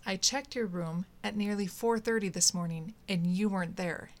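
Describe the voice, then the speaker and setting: A woman's voice: medium pitch, normal speed, natural voice. Woman doing a stern upset guy in a read-aloud story, keeps pressing with questions. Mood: upset, demanding. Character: agitated man, stern and worried.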